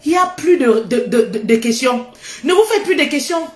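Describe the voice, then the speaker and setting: A high-pitched woman speaks loudly in a casual motivational talk, laughing freely and hammering her points home by repeating them. The sound is roomy and echoing. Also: lively intonation, brisk. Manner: loud, laughs often, repeats phrases for emphasis.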